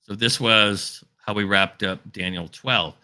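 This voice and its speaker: A man's voice: fairly low pitch, measured pace, pushed and bright. A man giving an informal Bible teaching, telling personal stories in a conversational way with frequent restarts. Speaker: preacher.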